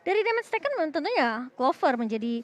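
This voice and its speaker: A woman with an Indonesian accent giving excited game commentary in a colloquial, exclamatory way. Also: very high-pitched, quick pace. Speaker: esports match co-caster.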